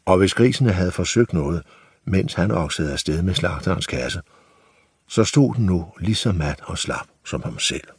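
A man with a husky voice narrating a children's audiobook with expressive storytelling. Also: sits low, no room sound.

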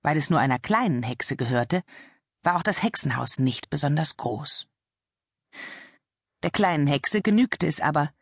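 A woman narrating a children's audiobook in a lively, expressive storytelling manner. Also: low voice, slightly rough, no echo, clean studio sound.

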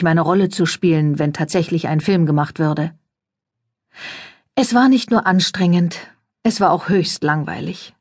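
A woman reading an audiobook in calm, measured first-person narration. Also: fairly low pitch, dry recording, clean studio sound.

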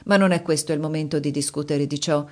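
A woman voicing a seasoned male officer in an audiobook, dry and matter-of-fact, giving orders in a low voice. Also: fairly even intonation, quick pace, close to an everyday voice. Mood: calm.

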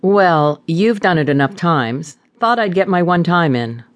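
A weary, remorseful husband in an audiobook, as a woman narrator puts him on, speaking low and quiet. The lines still move with some lift, and the recording is close and dry. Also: expressive, measured pace, dry recording. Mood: subdued. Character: tired, remorseful husband and father.

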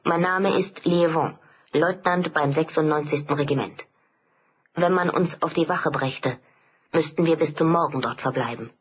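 Woman voicing a young officer, husky, quick and reassuring. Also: dull audio. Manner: brisk, reassuring, lowered pitch. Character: earnest young male army lieutenant.

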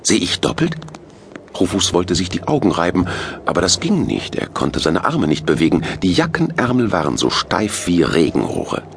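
A man narrating a children's audiobook with expressive storytelling. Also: low voice, moderate pace, vocal fry, a little hiss or hum.

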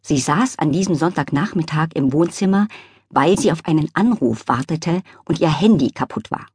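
A woman narrating a children's audiobook with lively, wide-ranging intonation. Her voice is lowish and slightly breathy, recorded close and dry in a studio. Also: normal speed, dry recording. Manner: expressive, lively reading. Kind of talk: scripted narration.

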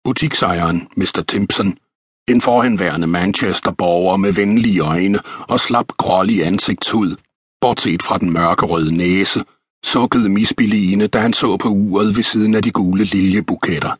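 A man reading a historical novel as an audiobook narrator, in a measured, even storytelling manner. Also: deep voice, husky, no echo, clean studio sound.

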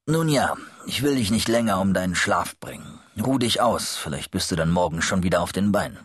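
A calm psychologist, low voice, husky, smooth and probing, audiobook. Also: male voice, fairly quick, no room sound, clean studio sound. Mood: soothing. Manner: smooth, even, quietly insistent. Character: calm probing male psychologist, middle-aged. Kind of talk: audiobook character reading.

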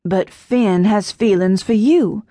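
A woman voicing a gentle, caring older mother who speaks in a soft, thin, slightly shaky way. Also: medium pitch, takes it slowly, dry recording.

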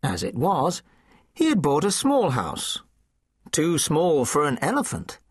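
A man narrating a children's storybook in an expressive, playful way. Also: fairly high pitch, measured pace, husky, dry recording, studio quality. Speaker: audiobook narrator.

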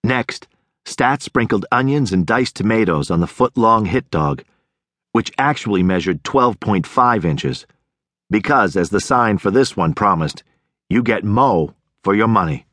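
Low, slow-reading male audiobook narrator. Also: dry recording. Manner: expressive storytelling. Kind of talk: scripted narration. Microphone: close studio mic. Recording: dry studio audiobook recording.

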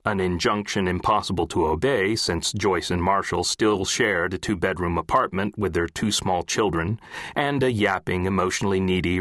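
A man reading literary fiction as an audiobook narrator, in a measured, composed way. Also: low voice, a bit bright, no room sound, clean studio sound.

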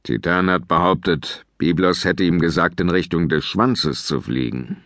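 A man voicing a gruff, grumbling father giant in a children's audiobook, growling his words low and heavy. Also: measured pace, a bit bright, no room sound, studio quality.

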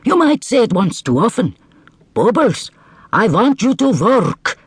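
A man's voice: high-pitched, big pitch swings, husky, dry recording, voice pushed up, full character voice. A man voicing a magical male desert djinn who scolds in a stern, knowing way. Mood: scolding. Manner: scolding, knowing, drawn-out phrasing.

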